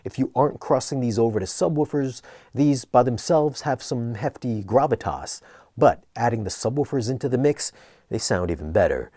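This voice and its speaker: Mellow-voiced man giving a product review. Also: mid-range voice, lively intonation, normal speed, dry recording, studio quality. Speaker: audio equipment reviewer. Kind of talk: conversational scripted review narration.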